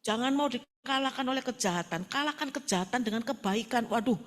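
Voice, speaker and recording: Middle-aged woman pastor, storytelling sermon, fairly high voice, lively delivery. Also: a little fast. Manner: animated storytelling with quoted dialogue; colloquial, addresses congregation as saudara.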